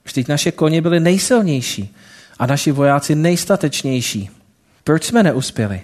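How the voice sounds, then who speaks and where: A man's voice: a little high, expressive, a little mellow, voice pushed up. A man reading the lines of a proud warrior king in a told story, raising his voice for the king's questions. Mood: despairing.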